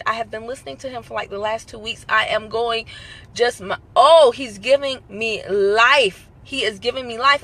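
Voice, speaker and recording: A woman's voice: a little high, sharp tone. A woman with a Southern American accent hosts a casual live stream, giving an emphatic pep talk that repeats its points and acts out little phone calls. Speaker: motivational live-stream host.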